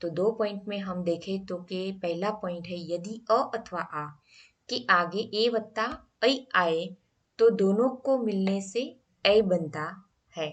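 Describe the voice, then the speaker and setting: A woman's voice: mid-range voice, slow pace. A woman teaching a grammar lesson, explaining each rule step by step and asking the class questions.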